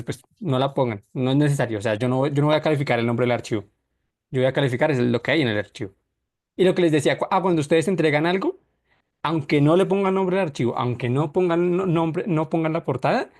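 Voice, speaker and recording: A man's voice: mid-range voice, a little mellow. Rambling male teacher, online class. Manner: rambling, self-correcting explanations.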